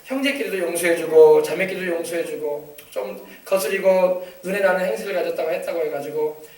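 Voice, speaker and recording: High-voiced preacher man in an echoey church. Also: fairly quick, a little mellow. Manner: exhorting, prompting the congregation for amens; repeats phrases for emphasis, laughs at times. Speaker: pastor. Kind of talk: sermon. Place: church sanctuary. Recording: echoey church hall from far off.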